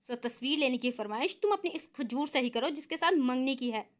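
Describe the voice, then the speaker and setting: A woman's voice: high-pitched, expressive, brisk. A woman doing a cheeky, boastful young man. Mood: teasing. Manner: teasing, mock-innocent, boastful.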